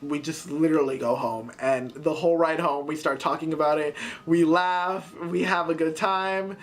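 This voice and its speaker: Excitable teen girl telling a story. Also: deep voice, moderate pace. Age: teens. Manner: excitable, animated retelling with many fillers. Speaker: vlogger. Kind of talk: casual storytime.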